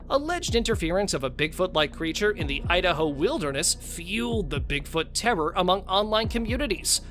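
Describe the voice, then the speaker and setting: A man with a fairly high voice delivers scripted nature documentary narration. His phrasing is formal and dramatic, like a storyteller presenting the wild, with music playing behind him. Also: fairly bright tone.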